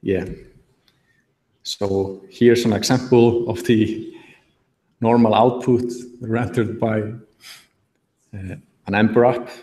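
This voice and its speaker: A man's voice: lowish voice, slow, long pauses. Laid-back man speaking on a hall stage. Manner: relaxed, thinking aloud with fillers. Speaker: conference speaker. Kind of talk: tech meetup talk. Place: large auditorium stage. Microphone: podium mic, recorded from the hall. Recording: echoey hall.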